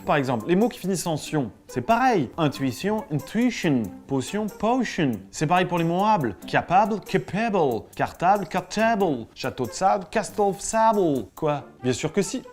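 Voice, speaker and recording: Brief: actor playing a smug high school English teacher, French accent in English, deadpan comedy monologue, pitched a bit high, faint music behind. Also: male voice. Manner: deadpan, self-assured, mixes French and English.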